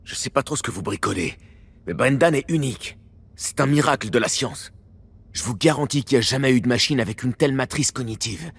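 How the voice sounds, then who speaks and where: A man's voice: medium pitch, brisk, creaky, husky. A man playing a skeptical but loyal streetwise techie in a French video game, casual and matter-of-fact. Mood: insistent.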